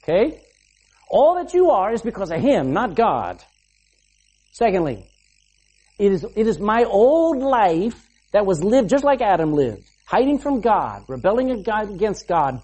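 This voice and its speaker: A preacher with a warm, mid-range voice and a breathy edge delivers an emphatic sermon. He poses rhetorical questions to the listeners and punctuates his points with "amen."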